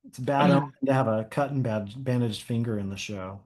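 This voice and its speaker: A mid-pitched man speaks over a video call, sounding amused and easygoing. He laughs lightly as he talks, and his tone stays casual throughout. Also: a little mellow. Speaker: exhibiting artist. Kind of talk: casual chat.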